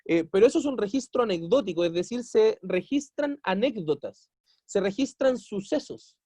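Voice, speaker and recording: A man lectures a university class in an explanatory tone. His voice sits high, and he keeps asking rhetorical questions and acting out little quoted exchanges. The recording is dry and close, with no room sound. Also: animated, normal speed, dark tone, dry recording. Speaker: teacher.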